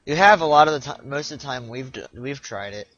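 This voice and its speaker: A young man chatting casually while streaming a speedrun, halting and repeating himself as he talks. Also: medium pitch, lively intonation, a bit bright. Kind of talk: casual live-stream chat. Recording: lo-fi stream audio.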